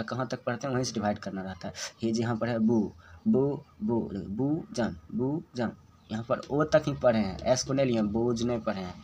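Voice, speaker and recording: A man at an ordinary middle pitch teaching a lesson in a patient, methodical way. He goes point by point and says words over and over to model how they sound. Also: background noise. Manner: patient, step-by-step, repeats words to show pronunciation. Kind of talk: classroom lesson explanation.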